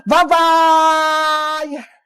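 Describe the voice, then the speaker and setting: A woman's voice: high-pitched, level tone, drawn-out words, exaggerated voice. A woman doing a cheerful cartoon boy. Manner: bright, addresses viewers directly. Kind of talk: cartoon voice acting.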